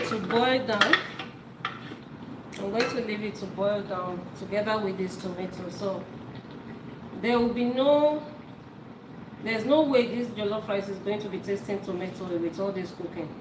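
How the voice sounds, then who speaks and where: Unhurried and pausing often, a medium-pitched woman hosts a live cooking stream from her home kitchen, chatting casually and repeating words as she cooks. Her first language is Yoruba, and the recording is echoey with loud noise.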